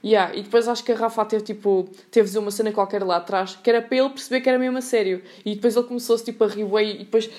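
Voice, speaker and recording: A woman's voice: mid-range voice, fairly even intonation, very fast, few pauses, darkish tone. A young woman with a European Portuguese accent, telling a funny personal story in a casual, slangy podcast monologue, often laughing. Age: young adult. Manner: chatty, slangy, laughs at her own story. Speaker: podcast host.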